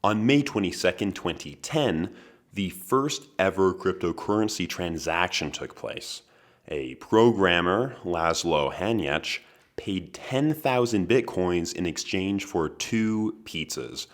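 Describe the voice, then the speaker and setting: A man in his twenties hosting a podcast, delivering a comedic monologue in a dry, deadpan manner with wry asides. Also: deep voice, takes it slowly. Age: 20s. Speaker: podcast host.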